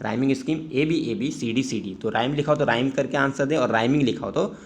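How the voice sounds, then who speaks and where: A man with an Indian English accent explains exam answers patiently, step by step. His voice sits at an ordinary middle pitch. He moves easily between Hindi and English as he teaches. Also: brisk. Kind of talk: exam-prep lesson.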